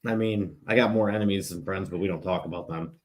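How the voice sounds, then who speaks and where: A man's voice: low-pitched, fast talker. A man with an Illinois accent, rambling through casual late-night podcast chat as a co-host, often restarting his sentences. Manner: rambling, repeats words when starting.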